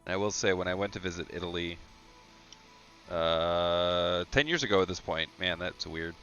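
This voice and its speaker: An American man hosting a live stream, chatting casually about hardware in a relaxed, easygoing way, sleepy and yawning. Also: sits low, normal speed, soft background music. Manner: relaxed, easygoing, laughs often. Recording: slightly dull lo-fi stream audio.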